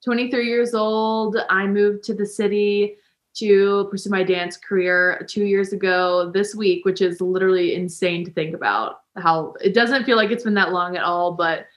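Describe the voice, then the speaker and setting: A woman's voice: mid-range voice, normal speed, echoey room. Chatty young woman on a video call. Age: 20s. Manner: chatty, laughs while talking. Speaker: guest, professional dancer. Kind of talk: casual interview chat. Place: indoor living room. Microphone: video call webcam.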